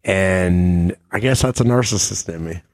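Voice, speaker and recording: A man's voice: low-pitched, unhurried, no echo. Laid-back man, dry close sound. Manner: laid-back, joking, laughs easily. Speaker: podcast co-host. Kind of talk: casual chat.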